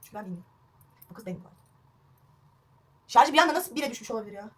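A woman's voice: fairly high pitch, expressive, rapid-fire, slightly rough. A young woman vlogging a home haircut, chatty and self-mocking, recorded on a phone at home. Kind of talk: casual home haircut vlog. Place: at home indoors.

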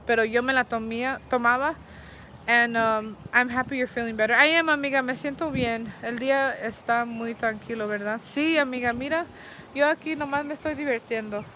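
Bright-voiced woman chatting outdoors. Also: fairly high pitch, moderate pace, slight background noise. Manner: switches between Spanish and English mid-sentence; chatty, restarts words often with filler ums. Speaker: vlogger answering viewer questions. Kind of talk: casual chat. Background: faint street and vehicle sounds.

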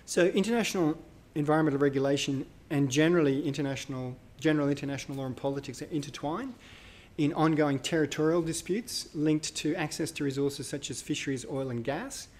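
A man's voice: fairly high pitch, a little fast, darkish tone. Man lecturing casually in a hall. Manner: conversational, thinks aloud with fillers and self-corrections. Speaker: university lecturer. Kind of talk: live university lecture.

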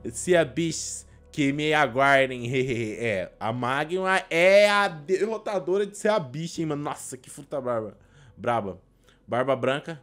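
A young Brazilian man giving casual, slangy reaction commentary as a gaming YouTuber, expressive and prone to exclaiming. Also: medium pitch. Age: young adult. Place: small indoor room at a desk.

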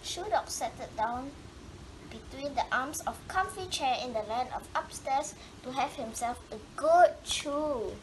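A woman with a high-sitting voice reads a children's picture book aloud, animated and unhurried. She stretches out words for dramatic effect, and the home recording is clearly noisy.

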